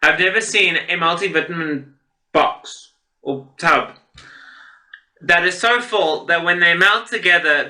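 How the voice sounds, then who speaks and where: A man's voice: high-pitched, pushed and bright. A man hosting a reaction video, reading posts aloud and commenting in a casual, rambling way, often laughing to himself. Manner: rambling, with many fillers and self-corrections.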